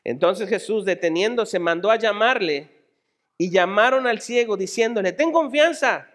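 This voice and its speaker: A Mexican man preaching a sermon as a pastor, dramatic, moving between shouted appeals and hushed tones. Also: high voice, moderate pace.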